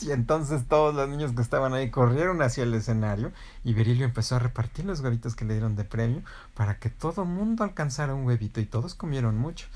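A woman gently telling a children's story. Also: extremely low pitch.

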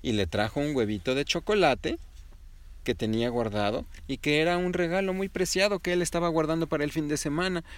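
A man telling a child an improvised bedtime story, gently and animatedly addressing the listener. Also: on the high side, a little fast, no echo.

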